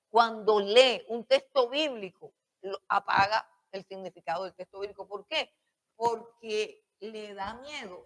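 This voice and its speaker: A woman teaching a Bible school class on preaching, repeating her points and questioning her students. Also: on the high side.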